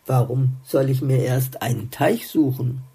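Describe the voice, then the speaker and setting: A woman's voice: rumbling low, measured pace, gravelly, mellow, breathy edge, pitched below the performer's own voice, exaggerated voice. A woman doing a grumpy little songbird. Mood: grumbling, doubtful. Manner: grumbling, doubtful.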